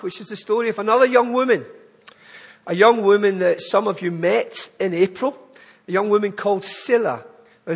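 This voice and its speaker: This Glaswegian man, a charity speaker from Glasgow, delivers an earnest appeal straight to the congregation in a church hall with a big-room sound. His voice is high-pitched, creaky and husky.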